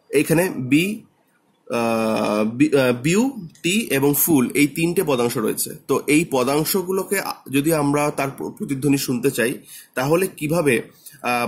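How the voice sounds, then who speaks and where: A man teaching a physics lesson, patiently walking his students through each step and repeating the numbers slowly. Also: mid-range voice, breathy edge.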